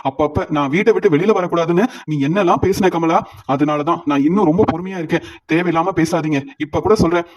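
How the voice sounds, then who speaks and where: A man's voice: fairly high pitch, fast, lightly acted. A man voicing an older, angry, domineering mother who scolds and reproaches. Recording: dull lo-fi audio.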